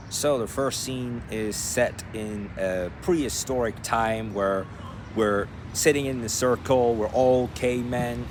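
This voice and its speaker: A young adult man vlogging in a rambling, casual way, narrating whatever is in front of him. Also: lowish voice. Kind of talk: casual video diary chat. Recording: faint background ambient noise.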